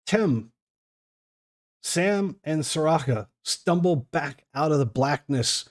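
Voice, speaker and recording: A man's voice: a little high, lively intonation, takes it slowly. A man acting as game master, narrating a tabletop role-playing game and addressing the players.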